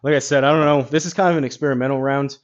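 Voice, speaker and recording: A man giving casual golf simulator commentary, rambling as he thinks out loud. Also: mid-range voice, steady tone, rapid-fire, lo-fi sound.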